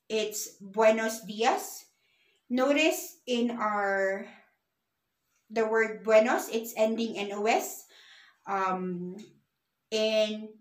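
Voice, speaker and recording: A woman teaching a beginner language lesson, patiently spelling out letters and sounds one at a time. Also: medium pitch. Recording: echoey room.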